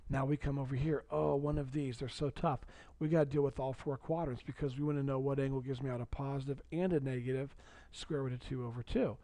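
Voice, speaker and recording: Male math teacher for a video lesson, dark mellow tone, dry close recording, patient and repetitive. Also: medium pitch, dry recording. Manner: patient, repeats key points, checks in with "okay?".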